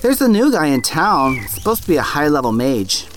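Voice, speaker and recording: Man as an easygoing dad mage, joking, hesitant, very lively pitch, soft music under, fan drama. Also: moderate pace. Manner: laid-back, joking, hesitant.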